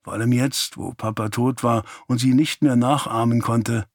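A man narrating an audiobook in a calm, even storytelling manner. His voice sits at a middle pitch, recorded close and completely dry. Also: moderate pace, no room sound. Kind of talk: scripted narration.

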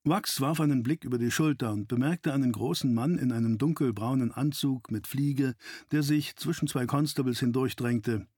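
A man narrating an audiobook with steady, even storytelling. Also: medium pitch, normal speed, breathy edge, no echo, clean studio sound. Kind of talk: scripted narration.

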